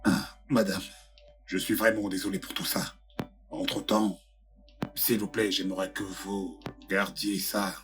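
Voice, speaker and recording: A man's voice: low-pitched, flat delivery, measured pace, music in the background. A man voicing a middle-aged father who apologizes and pleads in a dubbed film drama. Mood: pleading. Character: contrite middle-aged father begging forgiveness. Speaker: father apologizing for his son.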